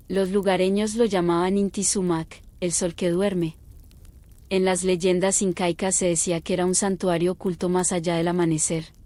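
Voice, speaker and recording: A woman narrating a scripted bedtime story slowly, in a quiet, calm, unhurried night-time manner. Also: lowish voice, no room sound.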